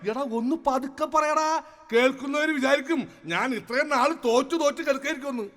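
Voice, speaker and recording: An actor playing a vain, bumbling king in a stage comedy skit, theatrical and quick to scold. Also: very high voice, a bit bright, long reverb tail. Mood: pompous. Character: bumbling vain male king, easily flustered.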